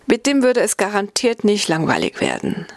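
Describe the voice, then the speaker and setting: A woman narrating a children's fairy-tale novel, lively and expressive, slipping into the characters' voices. The recording is close and dry, with no room sound. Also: medium pitch, moderate pace, creaky, no echo. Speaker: storyteller. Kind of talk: storybook narration.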